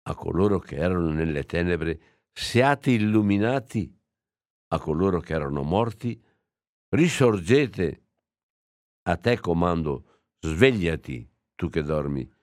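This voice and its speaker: A man, a priest, giving a homily and slowly reading an old text aloud, reflective and with small hesitations. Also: deep voice, a little mellow, no room sound, clean studio sound.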